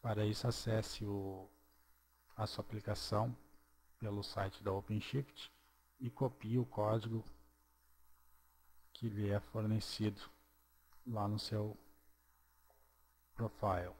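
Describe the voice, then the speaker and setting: A man narrating a screen-recorded programming tutorial, walking through each step slowly and checking in with "ok?". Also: lowish voice, little pitch movement, darkish tone, a little hiss or hum. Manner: slow, step-by-step, checks in with "ok?" and "certo?".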